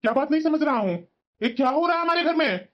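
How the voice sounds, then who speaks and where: Woman doing a gruff suspicious father-in-law. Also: sits high, lively intonation, quick pace, voice pushed down. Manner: gruff, demanding questions. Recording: dull lo-fi audio.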